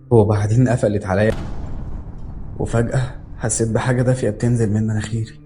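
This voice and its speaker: A man's voice: mid-range voice, warm tone. A man with an Egyptian accent giving a dramatic, tense scripted narration of a horror story. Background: faint background music.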